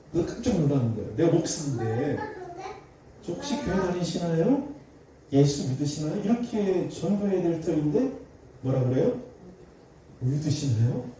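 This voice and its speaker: A middle-aged pastor delivers a sermon, acting out the voices in his story and sometimes shouting in a raised voice. His voice is dark and mellow. It echoes through a church sanctuary and is picked up from some distance. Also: on the high side, slight background noise. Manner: acts out dialogue in a story, shouting angrily in a raised voice.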